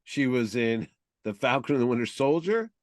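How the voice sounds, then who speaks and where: Middle-aged male co-host, chatty and opinionated, mid-pitched voice, dry close sound. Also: expressive, brisk, no echo. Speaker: podcast co-host. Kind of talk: casual film-review chat.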